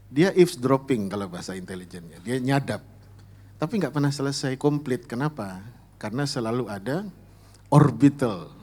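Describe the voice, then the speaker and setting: A man's voice: medium pitch, darkish tone. A man giving an emphatic, discursive religious talk at a public forum, dropping English terms into his lecture. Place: live forum event.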